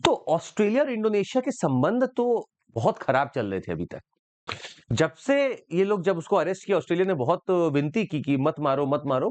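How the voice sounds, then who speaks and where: A man's voice: on the high side, a little mellow. A man with an Indian accent explaining the daily news to exam students, switching between Hindi and English and repeating key points. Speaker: current affairs teacher. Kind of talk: exam-prep news analysis lesson.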